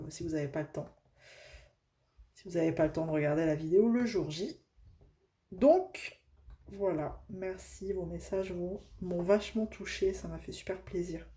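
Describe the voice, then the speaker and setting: A woman's voice: fairly low pitch, mellow. A woman with a Northern French accent chatting casually at home while doing a craft project, with many fillers and restarts. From northern France. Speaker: craft vlogger.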